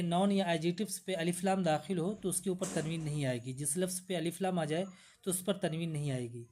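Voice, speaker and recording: A woman's voice: lowish voice, a little mellow. A woman teaching Arabic grammar in a lecture, patiently repeating each rule with examples.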